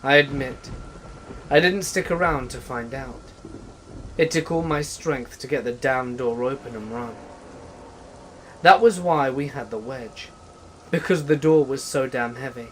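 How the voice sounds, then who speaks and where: A man narrating scary stories in a steady, measured storytelling manner. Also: mid-range voice, a little hiss or hum, poor audio. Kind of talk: scripted horror story narration. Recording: faint rain ambience behind voice. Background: faint rain ambience.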